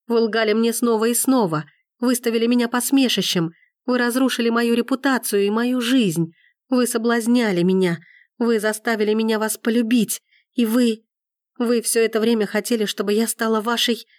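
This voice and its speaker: A woman with an expressive, fairly high natural voice, pitched above her own, plays a furious, hurt young woman who accusingly pleads near tears. Her delivery is impassioned and rising, at normal speed, in a dry, studio-quality recording.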